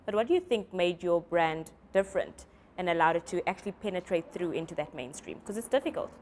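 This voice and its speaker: A woman's voice: lowish voice, fairly quick, darkish tone, a little hiss or hum. A woman interviewing a designer, asking questions and encouraging him with frequent yeahs. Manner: encouraging, frequent "yeah" backchannels.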